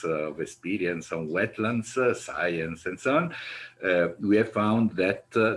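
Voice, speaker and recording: A man speaking as an engineer on a video-call panel, measured and halting, filling pauses with drawn-out hesitations. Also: deep voice. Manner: measured, many drawn-out fillers. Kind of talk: conference panel discussion.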